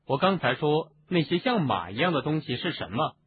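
A man's voice: fairly high pitch, big pitch swings, a little fast, husky, heavily acted. A man voicing an earnest, impatient teenage boy in an audiobook, speaking in an urgent, insistent way. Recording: narrow phone-like sound, faint hiss.

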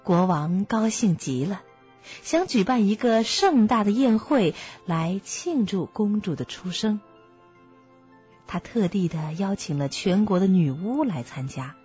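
Slow, breathy woman reading a fairy tale. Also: mid-range voice, lively intonation. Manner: gentle storybook reading. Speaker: storyteller. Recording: muffled, dry, soft music behind.

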